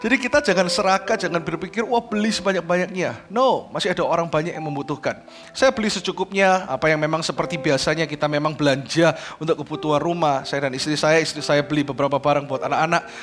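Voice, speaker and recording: A male pastor delivers an online sermon with animated energy that builds to emphasis, slipping English phrases into his preaching. His voice sits fairly high and he speaks fast.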